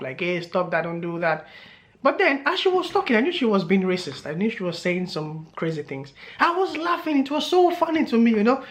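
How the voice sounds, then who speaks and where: A man vlogging to camera, telling a story in a loose, meandering way, with many fillers and laughs along the way. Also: sits high.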